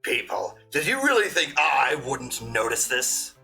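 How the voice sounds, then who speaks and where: An evil flaming skull, acted out by a man running a tabletop game, unhinged and villainous. The threats are scornful and stretched out, in a bright, forceful voice with music behind. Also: medium pitch, big pitch swings, unhurried, gravelly, full character voice. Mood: scornful menace. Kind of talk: game master voicing a monster in a tabletop game.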